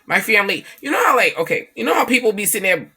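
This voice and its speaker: A woman vlogging casually about family, telling an animated, profane story and acting out what others said. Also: medium pitch, fast talker, slightly rough. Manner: emphatic, repeats herself for effect.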